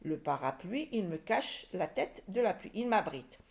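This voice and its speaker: Slow syllable-by-syllable woman teacher. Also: mid-range voice, big pitch swings, a little mellow. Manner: slow, splits words syllable by syllable and repeats them. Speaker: primary school teacher. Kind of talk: reading lesson for young children.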